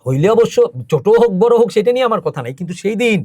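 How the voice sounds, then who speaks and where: Impassioned high-voiced man. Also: expressive, very fast, darkish tone, dry recording, studio quality. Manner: emotional, emphatic storytelling with rising intensity. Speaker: podcast guest, cultural organizer. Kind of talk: impassioned interview talk.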